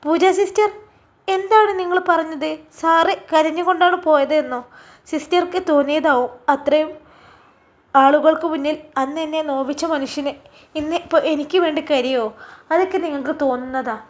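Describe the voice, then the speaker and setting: A lonely, hurt young woman who pleads through her tears, proud and bitter at once. Her voice sits high, as a woman storyteller acts her out. She sounds like a storybook reading. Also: moderate pace, close to an everyday voice. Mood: disbelieving.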